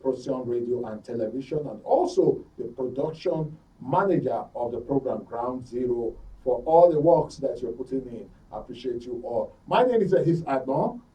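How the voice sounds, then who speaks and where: This current affairs host, a man with a Nigerian accent, works in a radio and TV studio, handling the discussion and the programme sign-off. He speaks emphatically, repeating phrases for stress, in a dark, medium-pitched voice with lively intonation at a moderate pace and hardly any pauses. The audio is poor and recorded from a distance.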